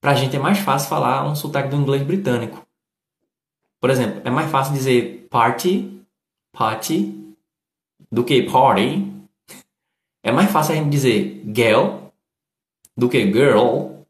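A man's voice: mid-range voice, normal speed. A man from Northeast Brazil with a Northeastern Brazilian accent, casually explaining and demonstrating pronunciations as an English teacher. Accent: Northeastern Brazilian Portuguese. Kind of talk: casual spoken commentary on a read text. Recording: echoey room.

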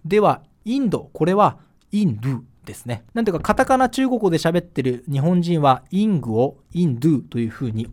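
Lively, quick-talking male podcast host. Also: high voice. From Fukushima, Japan. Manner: chatty and animated, many fillers. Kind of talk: solo podcast talk.

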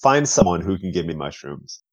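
A man's voice: low-pitched, very animated, normal speed, no echo. A man in casual chat, reacting playfully and joking with laughter.

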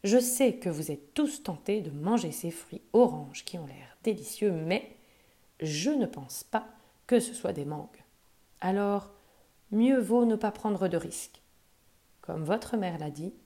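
Woman reading as a calm, hushed father. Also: lowish voice, measured pace, pauses often.

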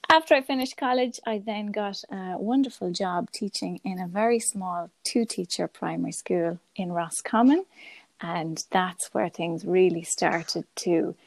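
A woman's voice: fairly low pitch, measured pace, gravelly, dry recording. A woman with a west of Ireland accent chatting enthusiastically as an interview guest on a podcast. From Galway, west of Ireland. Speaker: podcast guest, primary school teacher. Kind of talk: conversational interview answers.

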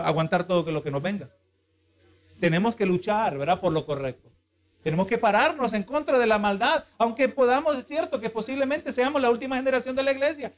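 A male pastor preaching a sermon, reading scripture aloud and explaining it, with frequent asides of agreement. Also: high-pitched.

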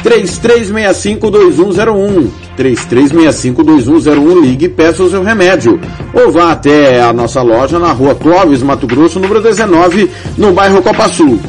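A man's voice: a little high, animated, moderate pace. Brazilian man reading an ad over music. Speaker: advert announcer. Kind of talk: radio advertising read. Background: clear music bed.

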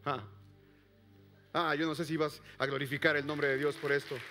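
A pastor preaches to his congregation in a fairly high voice, rising to loud calls and dropping to hushed near-whispers. He keeps pressing the listeners with direct questions, and soft music plays faintly behind him. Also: level tone, moderate pace. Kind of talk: sermon. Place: church service before a congregation.

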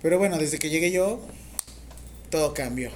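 A woman with a Mexican accent lectures nursing students in a classroom, her voice on the low side. She talks in a lively, teasing way and keeps asking the class questions. Faint room noise sits behind her. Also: normal speed. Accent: Mexican Spanish. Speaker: nursing instructor.

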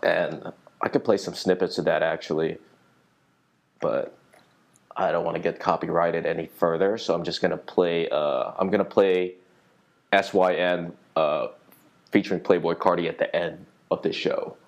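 A man's voice: low-pitched, fairly even intonation, normal speed, creaky. A young man hosting a solo podcast from a small library conference room, chatting casually in a rambling, slangy, swearing style.

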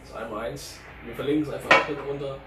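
A man hosting an interview, talking in a quick, casual and colloquial way. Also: medium pitch, fairly even intonation. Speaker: interviewer, channel host. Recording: roomy, distant, faint background noise.

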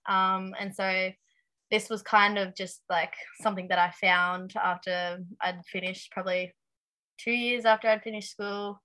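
A young woman with a Tasmanian Australian accent talks casually as an interview guest. Her voice is bright and forward, sitting at an ordinary pitch. She feels her way through answers informally, with plenty of hesitation. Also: smooth. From Launceston, Tasmania, Australia. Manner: hesitant, informal, frequent ums and likes. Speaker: interview guest, aspiring racing driver.

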